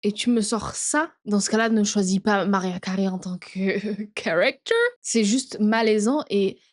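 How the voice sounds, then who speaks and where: Frank, slow-talking woman commentator. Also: mid-range voice, dry recording, clean studio sound. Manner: frank, opinionated. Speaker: reaction video host. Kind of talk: casual commentary.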